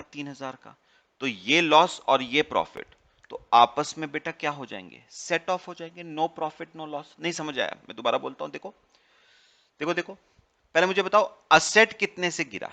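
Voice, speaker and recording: A man's voice: on the high side, normal speed, gravelly, bright, forceful tone. A man teaching an accounts lesson, quizzing his students, calling them "beta" and repeating each key point. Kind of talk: classroom lecture.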